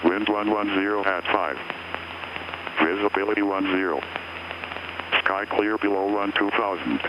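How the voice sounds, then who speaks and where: A man reading a recorded airport weather and information broadcast in a flat, measured way, heard over an aircraft radio. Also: on the low side. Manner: measured, even delivery of numbers and notices. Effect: automated airport information broadcast heard over an aircraft radio. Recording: muffled aircraft radio with loud background hum.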